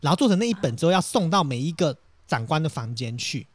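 A young man with a Taiwanese Mandarin accent telling a story in casual chat, animated and self-dramatizing, laughing as he goes. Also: on the high side, fast, no echo.

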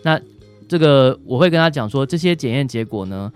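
Against soft background music, a doctor with a Taiwanese accent answers questions as a radio guest, chatting through his explanations and often ending phrases with short tag particles. His mid-range voice is clean, animated and brisk.

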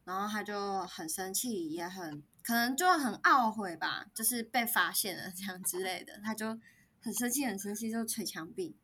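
Soft-spoken Taiwanese woman telling a story. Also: medium pitch, normal speed, husky. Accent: Taiwanese Mandarin. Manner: soft, hesitant, many fillers. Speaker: podcast co-host. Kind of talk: casual storytelling chat.

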